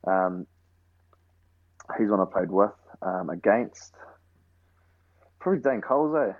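A man's voice: on the low side, expressive, slow pace, narrow, tinny audio. A young man with a broad New Zealand accent, answering interview questions casually in short, slangy phrases. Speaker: interview guest, rugby player. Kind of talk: casual chat.

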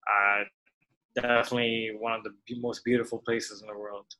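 A man in his late twenties, raised in Tanzania, speaking as a podcast guest in a relaxed way with frequent "uh" pauses. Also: lowish voice, rough recording. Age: late 20s. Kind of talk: casual interview.

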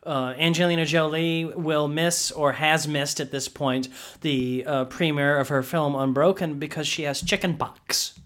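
A man's voice: fairly high pitch, steady tone, a little slow, few pauses, fairly bright tone. A man co-hosting a podcast, playful and jokey in casual chat. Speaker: podcast co-host.

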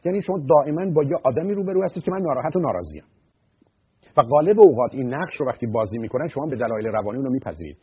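A man's voice: medium pitch, expressive. A man, a psychologist, giving blunt, mocking marriage advice in a radio talk. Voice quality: husky. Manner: blunt, mocking, rises to loud emphatic outbursts. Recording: muffled phone-like radio line.

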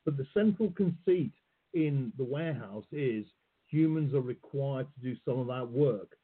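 Husky-voiced male host over a phone line. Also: mid-range voice, lively intonation. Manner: halting, hesitant questioner. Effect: heard over a phone-like call line. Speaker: podcast host. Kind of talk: casual interview questions. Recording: husky voice on tinny phone-like call.

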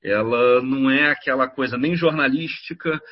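A middle-aged Brazilian man in a casual podcast conversation, telling stories in an animated, rambling way with many restarts. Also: medium pitch, normal speed, muffled recording. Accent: Brazilian Portuguese. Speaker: comics critic and writer.

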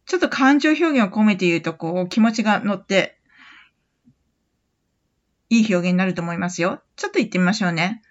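A woman teaches English phrases in a gentle, encouraging way, her pitch moving a lot as she explains. She reads the example sentences slowly so listeners can repeat them. The recording sounds somewhat dull and lo-fi. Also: lively intonation. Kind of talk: English lesson podcast.

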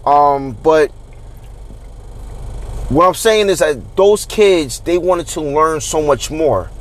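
Guy coaching youth football, hosting a chill sports podcast, voice a bit high, keeps repeating himself. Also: takes it slowly. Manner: animated, repeats and restarts words often. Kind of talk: casual sports chat.

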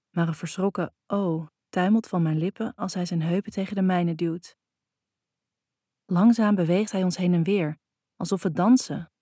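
Woman reading a romance audiobook, low warm voice, intimate even delivery, dry close mic. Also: no room sound. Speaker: audiobook narrator. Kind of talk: first-person scripted narration.

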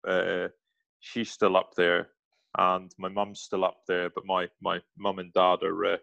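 Podcast guest: Highland Scottish man, gravelly voice, matey casual storyteller, close dry sound. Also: completely flat delivery, a little slow, fairly bright tone, no echo, lo-fi sound. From Highlands of Scotland, near Inverness. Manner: informal, matey, self-deprecating. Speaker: podcast guest, military veteran. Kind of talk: casual chat, personal storytelling.

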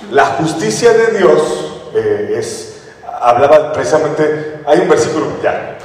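A man preaching a sermon, telling stories in a casual, conversational way with frequent rhetorical tag questions. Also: medium pitch. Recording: echoey hall from far off.

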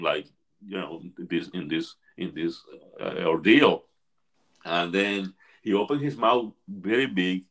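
A man's voice: on the low side, a bit bright. A man who works as an ayahuasca facilitator, retelling a participant's experience in a podcast chat, often repeating words and restarting phrases.

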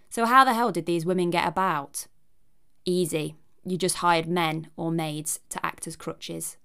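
A woman's voice: fairly low pitch, smooth. A woman giving a scripted narration with chatty asides in a wry, cheeky, conversational manner.

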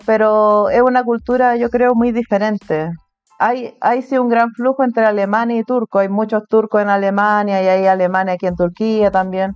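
Chilean woman, smooth voice, casual chat. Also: on the high side, darkish tone, no echo, muffled recording. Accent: Chilean Spanish. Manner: casual, chatty, laughs between points. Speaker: interviewee, artist living abroad. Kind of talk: remote interview conversation.

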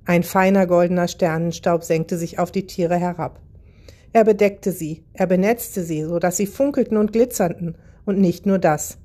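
A woman narrating a children's Christmas story in a calm, even reading style. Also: fairly low pitch, moderate pace.

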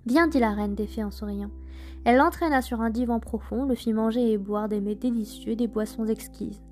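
A woman narrating traditional folk tales in a measured, gentle storytelling manner. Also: a little high, fairly even intonation, soft background music. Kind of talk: scripted folk tale narration.

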